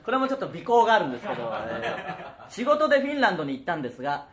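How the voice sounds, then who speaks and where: A man from Okayama hosting a comedy radio talk show, ranting in an animated way with frequent laughs. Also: sits high, racing, roomy sound, crowd noise. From Okayama, Japan.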